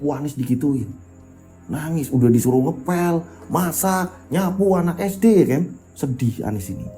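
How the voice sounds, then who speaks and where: A man hosting and narrating a dramatic true story, with an animated telling punctuated with spoken sound effects. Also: a little high, moderate pace, soft background music. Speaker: storyteller host.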